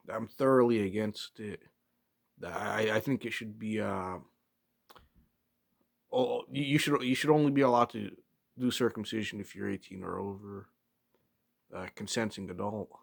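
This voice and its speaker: Halting man with a lowish voice. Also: creaky. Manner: hesitant, halting, searching for words. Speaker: vlogger. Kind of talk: rambling casual opinion talk.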